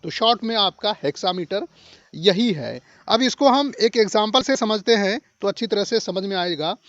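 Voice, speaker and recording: A man teaching an English literature lesson, mixing Hindi and English, slowing down sharply on the English phrases and repeating points for learners. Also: high-pitched, expressive, fairly bright tone, no echo, highs cut off. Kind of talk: explanatory lesson.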